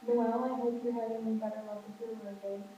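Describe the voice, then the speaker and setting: A young woman talks in a casual, rambling student vlog, acting out bits of conversation as she goes. Her mellow voice rings with a big hall echo and sits away from the microphone. The sound is a little dull, with a faint hum. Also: on the high side, brisk, distant mic. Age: young adult. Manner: rambling, animated retelling with quoted dialogue. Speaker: college student vlogger. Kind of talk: casual chatty video diary. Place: echoey indoor space in a college dorm, with passers-by.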